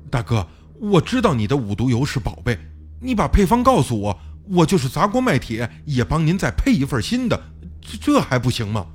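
A man's voice: medium pitch, wildly swooping pitch, brisk, slightly rough. A man voicing a frightened young man who stammers and pleads for mercy in an audiobook story. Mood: pleading.

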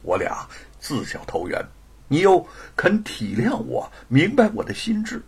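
A man voicing an earnest, emotional young scholar who exclaims fervently in a gravelly, husky voice. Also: on the high side, very animated, slow pace, a little mellow, voice pushed up, heavily acted.

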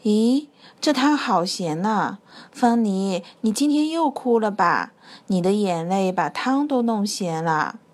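A woman voicing a kind, cheerful father rabbit in a children's story, gentle and joking. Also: mid-range voice, animated, slow pace. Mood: teasing.

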